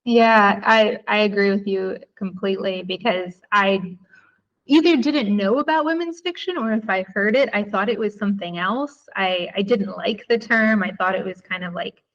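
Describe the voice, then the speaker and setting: A woman from the Chicago area talks as a podcast guest, reflective and friendly, with an occasional um. Her pitch sits in the middle range. The audio is a little dull. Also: normal speed, a bit bright. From United States, Chicago area. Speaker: guest author. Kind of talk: casual podcast interview.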